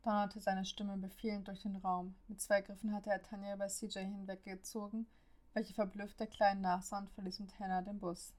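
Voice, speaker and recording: This is a female audiobook narrator reading a story at a brisk clip. Her lines come out flat and even, with the pitch hardly shifting between sentences.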